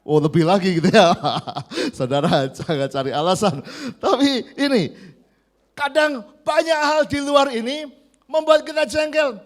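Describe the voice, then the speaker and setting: A man with a fairly high voice preaching to his church. He tells animated stories and calls on the congregation to repeat his words back to him. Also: measured pace. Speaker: pastor. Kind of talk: sermon. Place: church service.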